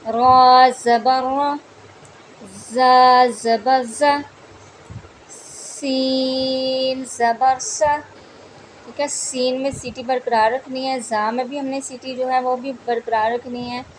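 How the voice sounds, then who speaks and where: A woman teaching Quran reading, patiently drilling each syllable slowly and repeating the rules. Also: fairly high pitch, slight background noise. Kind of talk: slow step-by-step recitation lesson.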